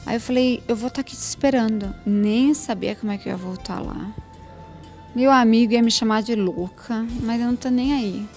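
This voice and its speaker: A woman's voice: a little high, moderate pace, a little mellow, soft background music. A woman, a guest on a program, telling her personal faith testimony in a spontaneous, chatty way with many tag questions. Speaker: interview guest.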